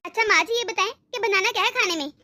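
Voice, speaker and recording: A woman's voice: very high voice, fast talker, pushed and bright, no echo, studio quality. A woman voicing a hardworking, polite young daughter-in-law in a cartoon, weary and defending herself. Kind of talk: Hindi cartoon voice acting.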